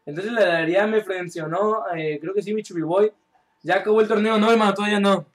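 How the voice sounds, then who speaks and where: A young man streaming a game live, chatty and joking as he reads out viewer chat and shouts calls mid-match. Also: high-pitched, steady tone, fairly quick. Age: young adult.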